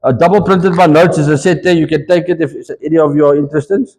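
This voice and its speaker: South african pastor guy preaching, high voice, bouncing between english and afrikaans, long echo off the church hall. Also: fast talker. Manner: switches between English and Afrikaans mid-sentence, animated. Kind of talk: sermon.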